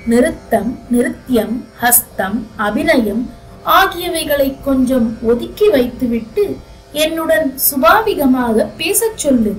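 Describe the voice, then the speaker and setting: A woman reading as a proud young prince, lowered voice. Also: low-quality recording. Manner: teasing then pleading, addresses her through the deer. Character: young proud crown prince, hurt and sarcastic.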